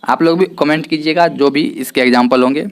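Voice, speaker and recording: A male teacher explaining an English lesson in Hindi. He often asks a question and answers it himself. He also says each example word slowly several times. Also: a little high. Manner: mixes English terms into Hindi.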